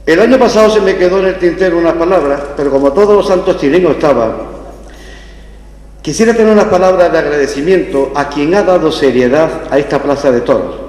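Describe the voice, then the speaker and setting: A man's voice: fairly high pitch, a little fast, a little mellow. An older man with an Andalusian Spanish accent giving a festival address with comic anecdotes at a podium microphone. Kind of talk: public speech with comic anecdotes. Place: indoor hall at a lectern. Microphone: gooseneck podium microphones. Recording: echoey hall with long reverb.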